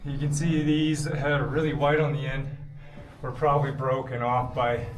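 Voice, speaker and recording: A man's voice: medium pitch, flat delivery, normal speed, soft background music, poor audio. A man speaking informally and explaining things as he guides viewers through a cave for a vlog. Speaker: caving guide and video host. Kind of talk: casual vlog narration while exploring. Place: inside a cave.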